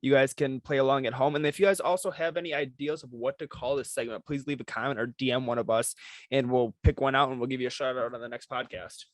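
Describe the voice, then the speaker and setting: A man's voice: medium pitch, fairly even intonation, quick pace, dry recording. Male podcast co-host, easygoing game-night vibe, dry close-mic sound. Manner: easygoing, chuckling, runs the segment. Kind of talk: casual chat.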